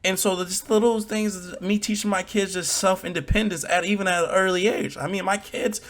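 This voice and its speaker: A man's voice: sits high, steady tone, fairly quick, a bit bright. A young man talking earnestly and casually in a personal vlog, often restarting phrases and growing heated. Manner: earnest, rising to heated emphasis; casual slang, frequent restarts. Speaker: vlogger.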